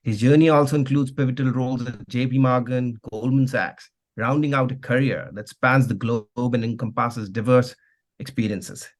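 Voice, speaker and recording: A man's voice: mid-range voice, fairly even intonation, normal speed. A man co-hosting a podcast, reading a guest introduction and then asking long, rambling questions full of fillers. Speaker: podcast co-host. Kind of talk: podcast interviewing.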